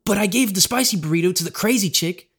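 A man's voice: sits high, fast talker, slightly rough, voice pushed up, full character voice. A man voicing a shaky, hot-tempered young man who snaps indignantly. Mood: rattled. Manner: yelling, indignant.

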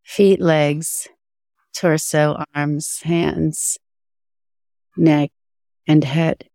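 A woman with a scratchy voice guiding a slow body-scan meditation in a calm, spacious manner. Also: low voice, no echo, studio quality. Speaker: meditation guide.

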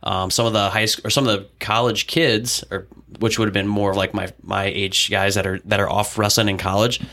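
Speaking fairly quickly with a flat delivery and a sharp tone, a man with a lowish voice shares his story as a podcast guest. He's a wrestling coach, and his interview storytelling wanders, crowded with fillers and false starts.

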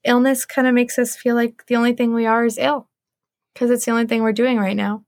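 A woman's voice: a little high, little pitch movement, a little fast, darkish tone, no room sound, clean studio sound. A young woman hosting a podcast, talking casually and earnestly in an encouraging way, with a lot of "like". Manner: earnest, encouraging, uses 'like' often. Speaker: podcast host. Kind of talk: casual solo podcast talk.

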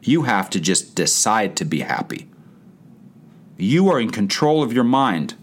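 An emphatic man giving a motivational talk to chiropractors. His pitch swings widely as he stresses key words, repeats them over and over and fires off rhetorical questions. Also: very animated, measured pace. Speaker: chiropractic practice coach.

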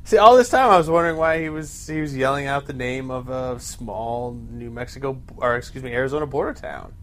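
A man's voice: mid-range voice, a little fast, fairly bright tone. A man from New Jersey co-hosting a casual podcast chat, joking around and hesitating with fillers. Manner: jokey, laughs easily, hesitant fillers. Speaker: podcast co-host reviewing a movie episode.

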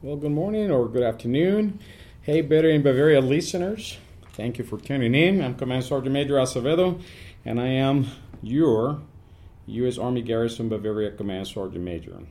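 A man, speaking as an Army command sergeant major guest in an upbeat, animated podcast interview. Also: mid-range voice. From Puerto Rico. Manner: upbeat, animated, speeds up and slows down.

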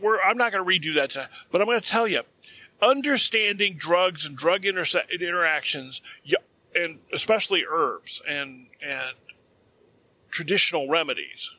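Co-hosting a casual podcast, a man speaks in a rather high, very bright voice, rambling and pressing hard on his points. He often breaks off to correct himself and restart, and mentions that his throat is dry.

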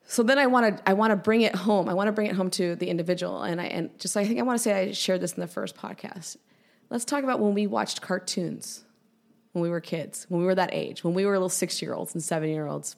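A woman educator, a guest on a podcast interview, explaining with energetic, animated storytelling. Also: on the low side, creaky.

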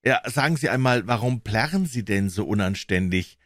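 A man voicing God as a stern, astonished old man who speaks in a measured, reproving way. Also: fairly low pitch, lively intonation, a bit bright, dry recording, studio quality.

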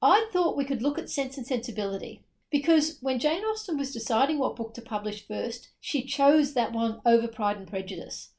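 A woman's voice: fairly high pitch, expressive, normal speed, hardly any pauses, a little mellow. A woman co-hosting a book podcast, talking in a chatty, opinionated way with emphatic repeats. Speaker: podcast co-host. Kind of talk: casual book discussion.

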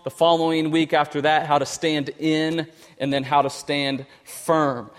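A man preaching a conversational sermon as pastor, telling stories with lively restarts. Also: fairly high pitch, unhurried. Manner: conversational, animated storytelling with restarts. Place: church sanctuary. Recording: long hall reverb.

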